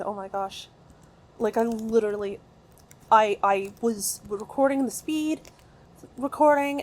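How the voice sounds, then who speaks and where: A woman giving casual, excitable gameplay commentary from her recording room at home, rambling with many fillers and restarts. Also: mid-range voice. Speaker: gaming video creator.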